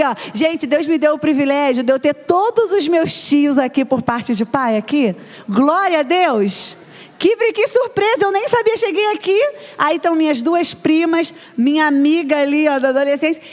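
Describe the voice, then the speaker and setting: A Brazilian woman in her thirties, a psychologist giving a chatty conference talk in a church and speaking straight to the audience. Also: high-pitched. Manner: chatty, addresses the audience directly. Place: church hall. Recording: long reverb of a church hall.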